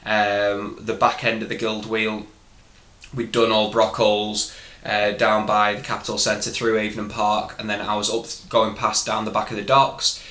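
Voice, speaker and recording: In an echoey, roomy recording, a vlogger from northern England casually relates events to the camera. His voice sits fairly low, level and sharp at a moderate pace, and he comes across candid yet a bit hesitant in his Northern English accent.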